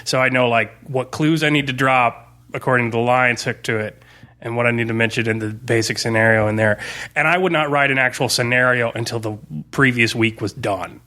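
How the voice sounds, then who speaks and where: In a relaxed podcast chat reviewing a finished tabletop campaign, a game master reflects on how it went. His voice is mid-range and brisk, with a pushed, bright quality.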